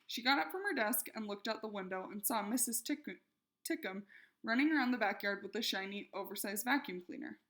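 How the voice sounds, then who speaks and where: A woman reading a children's novel aloud, expressive and lively in the characters' shouted lines. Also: medium pitch, brisk. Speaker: reader.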